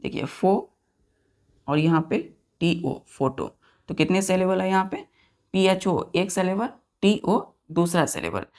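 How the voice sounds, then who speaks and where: A man's voice: high-pitched, lively intonation, a little slow, a little mellow. A man teaching English pronunciation as a classroom lesson, repeating words and checking often that the students follow. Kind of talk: classroom lesson in spoken Hindi.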